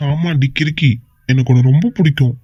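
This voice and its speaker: A woman voicing an affectionate young husband in a cartoon, who coaxes and gently teases his wife. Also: low-pitched, a little fast, slightly rough, dry recording, muffled recording. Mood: coaxing, reassuring. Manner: coaxing and gently teasing. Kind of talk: amateur cartoon voice acting.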